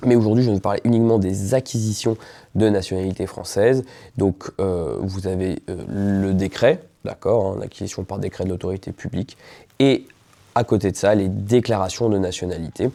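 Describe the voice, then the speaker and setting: A man explains legal rules to camera, pausing on fillers and small asides. His voice sits low and sounds warm and relaxed. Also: creaky. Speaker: immigration lawyer. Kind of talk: explanatory video talk.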